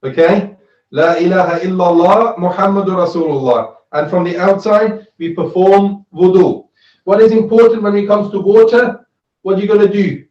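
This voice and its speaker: A man leads a religious class in a high-pitched voice. He keeps putting questions to his listeners and repeats key phrases for emphasis. The room around him is audibly echoey. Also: fairly even intonation, normal speed, a little mellow, lo-fi sound. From Switzerland. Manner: questioning, repeats phrases, adds "right?" often. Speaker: Islamic studies teacher. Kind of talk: interactive religious lesson with question and answer. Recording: roomy, echoey sound.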